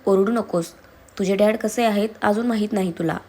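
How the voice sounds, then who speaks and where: A woman's voice: mid-range voice, normal speed, a little mellow, close to an everyday voice. A woman reading the lines of a fierce, grieving young woman who hurls accusations in a storybook reading. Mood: furious. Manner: heated, accusing.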